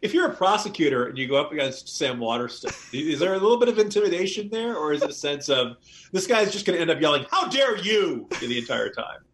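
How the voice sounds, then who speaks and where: Animated man joking wryly. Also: on the high side, fast. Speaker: podcast co-host. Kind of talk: casual political chat.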